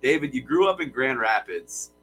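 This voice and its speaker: A man's voice: mid-range voice, sing-song, moderate pace, a bit bright, faint music behind, low-quality recording. A young man from Michigan co-hosting a casual sports podcast, with an upbeat, hype-man delivery. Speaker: podcast co-host.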